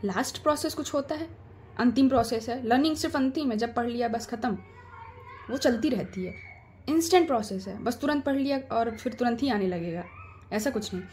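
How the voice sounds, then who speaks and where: A high-pitched woman with an Indian accent gives an exam-prep lesson. She keeps asking questions and then answers them herself. A faint hum of ambience sits behind her. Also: a little fast, a little mellow. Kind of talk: explanatory lecture.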